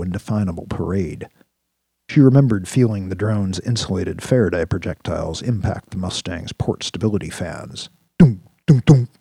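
A man narrating a sci-fi action story in a steady, vivid storytelling manner. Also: low-pitched, breathy edge, dry recording, studio quality. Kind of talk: audiobook-style story narration.

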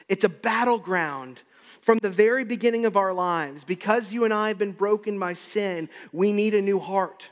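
A man's voice: high-pitched, long reverb tail. A man preaching a sermon as pastor, with an emphatic, repetitive cadence.

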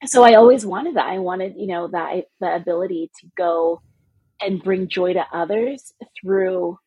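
Husky woman, lively storyteller. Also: on the low side, a little slow, no echo, dull audio. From California. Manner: animated, expressive storytelling. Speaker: podcast guest. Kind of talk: casual chat.

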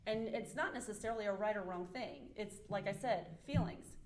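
A woman's voice: mid-range voice, normal speed, echoey room. A woman leading a studio group discussion, asking questions and acting out examples. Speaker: discussion leader.

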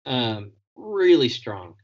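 A man's voice: medium pitch, sing-song, extremely slow. A man chatting casually with a friend, recapping a show with easy fillers and frequent laughs. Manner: laid-back, laughs often, recaps plot with fillers. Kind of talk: casual chat. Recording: dull lo-fi sound.

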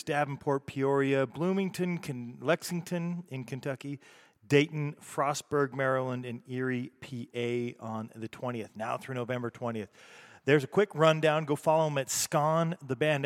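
A man casually hosting a music podcast, recorded in a garage. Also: medium pitch. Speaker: music show host. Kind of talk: casual podcast announcing between songs. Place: indoors in a garage. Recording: echoey garage, long reverb.

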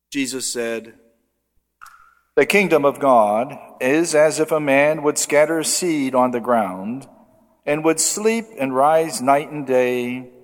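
Slow priest proclaiming in cathedral echo. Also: male voice, medium pitch. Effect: long cathedral-like church reverb. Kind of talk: proclaiming the Gospel at Mass. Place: large church. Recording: long church hall reverb.

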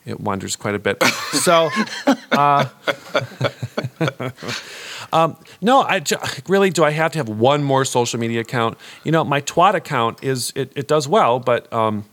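Man, campy drag queen, theatrical delivery, very animated swooping pitch, casual podcast banter. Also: a little slow. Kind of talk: casual comedic podcast chat. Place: recording studio.

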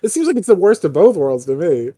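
Dark-toned man, rambling casual talk. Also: high voice, very animated, fast, dry recording, studio quality. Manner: rambling, heavy on "like" fillers, swears. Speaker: podcast co-host. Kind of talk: casual political chat.

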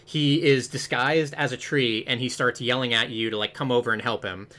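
A man's voice: mid-range voice, fairly even intonation, moderate pace, sharp tone. A man chatting casually about a video game, rambling and full of "like" fillers, with the odd swear.

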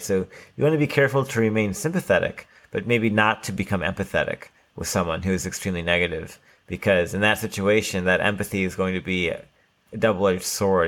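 A man's voice: deep voice, fairly bright tone. A man co-hosting a podcast, talking casually with lots of "like" and "right?" fillers. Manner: conversational, many fillers like "like" and "right?". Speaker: podcast co-host.

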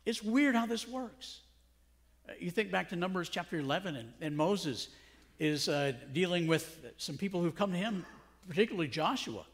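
A man's voice: high-pitched, expressive, moderate pace. A middle-aged male pastor preaching a sermon in a conversational way, full of rhetorical questions. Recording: long hall reverb.

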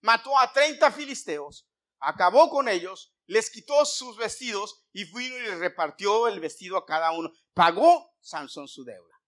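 A man preaching a sermon, retelling a Bible story in a lively way and putting questions to his listeners. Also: sits high, moderate pace. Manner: animated, asks the listeners questions.

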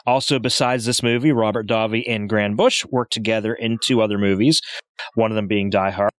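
A man's voice: fairly low pitch, steady tone, a little fast, dry recording. A man co-hosting a casual movie podcast, moving between presenting trivia notes and chatting with friends.

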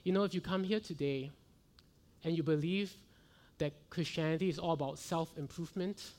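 A man's voice: a little high, normal speed, a little mellow. A middle-aged male pastor preaching a sermon, earnest and building to fervent rhetorical questions.

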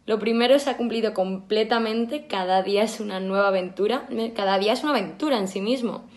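A woman's voice: mid-range voice, fast. A woman with a Madrid Spanish accent, answering interview questions plainly. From Spain. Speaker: interview guest.

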